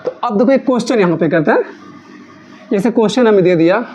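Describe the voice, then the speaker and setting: A woman's voice: mid-range voice, expressive, fast talker, a little mellow, a little hiss or hum. A woman maths teacher giving a classroom lesson. She asks questions and answers them herself, repeating key terms again and again to coax her students. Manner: repetitive, coaxing drill of key terms.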